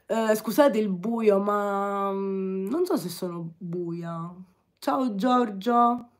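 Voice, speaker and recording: A woman's voice: mid-range voice, extremely slow. A woman in her forties with a Sicilian accent, chatting affectionately and teasingly on a livestream from her bedroom, reading comments into her phone camera. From Sicily, Catania. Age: 40s. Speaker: livestream host.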